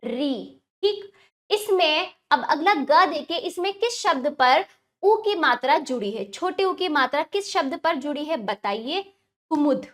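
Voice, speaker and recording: A woman teaching a grammar lesson to children, patiently asking questions and then answering them, spelling words out slowly. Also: sits high, expressive. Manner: slows down and stresses each word when spelling examples.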